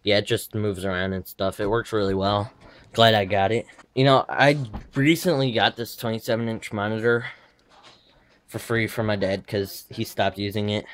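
A teenage boy with a lowish, steady, fairly bright voice talks at a moderate pace while touring his bedroom gaming setup on a handheld camera. His retainer makes him lisp slightly, and his offhand rambling is dotted with asides where he corrects himself.

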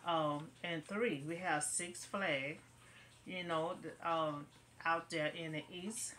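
A middle-aged woman rambles about local news to a webcam set in front of her in her bedroom, filling her talk with "you know." Her deep voice is fairly even in intonation and a bit bright, and she takes things slowly. There's a slight amount of background noise.

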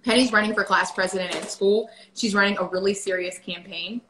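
A thirtysomething vlogger answers viewer questions on a casual livestream from her home kitchen, using plenty of fillers, while a phone camera on the table records her. She speaks a little fast in a mid-range, fairly bright voice with fairly even intonation. The low-quality audio is reverberant and carries a little hiss or hum.

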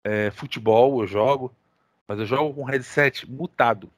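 A man with a Brazilian accent hosting a gaming podcast, telling stories in casual, animated chat full of slang and swearing. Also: mid-range voice, moderate pace, no echo, clean studio sound. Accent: Brazilian Portuguese. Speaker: podcast co-host.

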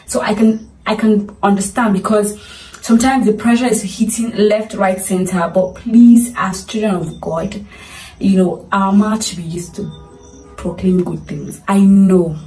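A woman's voice: mid-range voice, darkish tone, reverberant, distant mic, rough recording. A Nigerian woman with a Nigerian accent, earnestly urging her listeners in a motivational talk, pleading and repeating herself for emphasis. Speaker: vlogger.

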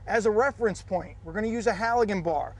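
A man with a high-leaning voice walks through a hands-on fire drill outdoors. His delivery is practical and methodical, laying out each step of the technique. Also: fast talker, husky. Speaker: fire service instructor. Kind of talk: instructional demonstration.

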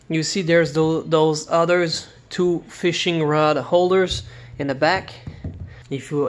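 Halting non-native man reviewing a kayak. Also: on the high side. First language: not English. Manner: halting, many fillers and restarts, non-native English. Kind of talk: casual product walkthrough. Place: indoors beside a kayak, camera in hand.

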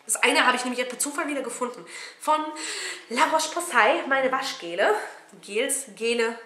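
A woman's voice: high-pitched, expressive, moderate pace, pushed and bright. Cheeky woman vlogger in an echoey room. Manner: cheeky, jokey, swears casually. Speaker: beauty vlogger. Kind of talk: casual product review chat. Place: at home indoors. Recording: roomy echo, faint noise.

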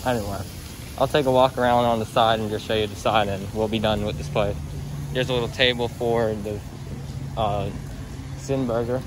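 A man's voice: fairly low pitch, steady tone, normal speed, noisy background. A teenage boy vlogging casually on a phone he holds at arm's length, rambling with lots of fillers, walking outdoors at a mall at night. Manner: rambling, filler-heavy, upbeat sign-offs. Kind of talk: casual vlog narration. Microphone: phone held at arm's length.

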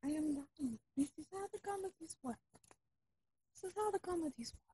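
A woman's voice: high-pitched, lively intonation, takes it slowly, slightly rough, heavily acted. A woman playing a self-styled fake Russian spy in a comedy sketch, speaking broken English in a put-on Russian accent, whispering conspiratorially and pleading with her mother on the phone. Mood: exasperated pleading.

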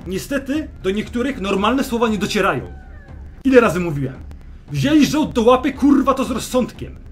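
A man voicing a foul-mouthed army general who shouts sarcastic, swearing rebukes at his troops. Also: a little high, sing-song, moderate pace. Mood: furious scolding. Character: foul-mouthed middle-aged human army general, gruff drill commander. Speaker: fantasy general addressing troops.

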